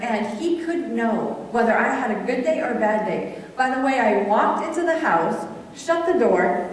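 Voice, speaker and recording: Woman speaker, middle-aged, animated storyteller; distant mic, long hall reverb, faint room noise. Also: fairly high pitch. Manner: animated, chatty storytelling with audience questions. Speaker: speaker at a women's event. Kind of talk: conversational sermon with personal stories.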